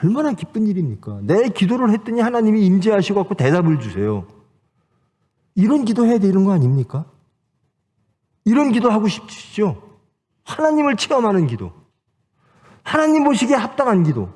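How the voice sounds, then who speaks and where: A man's voice: high voice, wildly swooping pitch, moderate pace, long pauses, darkish tone, breathy edge. A man, a pastor, preaching a Sunday sermon with emphatic rhetorical questions and exhortations. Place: church sanctuary. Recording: long church hall reverb.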